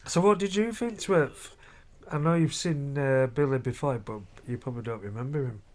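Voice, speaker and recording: In a hotel room, a family vlog host with a medium-pitched voice chats briskly about a family outing. He keeps it casual and chatty, often tacking tag questions onto his remarks to seek agreement.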